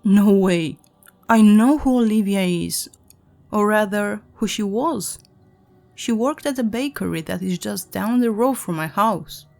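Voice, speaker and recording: A woman narrating a horror story in a dramatic, measured storytelling manner. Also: medium pitch, gravelly, a little mellow. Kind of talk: scripted narration.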